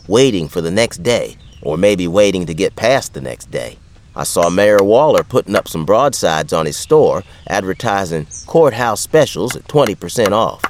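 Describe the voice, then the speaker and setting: An actor playing a wry, tough frontier sheriff who tells his western story in folksy talk with an American West accent. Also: low-pitched. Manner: folksy, colloquial. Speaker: narrator and lead character. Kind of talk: dramatized first-person western storytelling.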